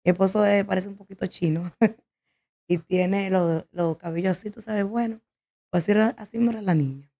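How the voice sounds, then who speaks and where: Emotional woman giving a halting testimony. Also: medium pitch, creaky, warm tone. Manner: halting, emotional, with many restarts. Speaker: guest sharing a testimony.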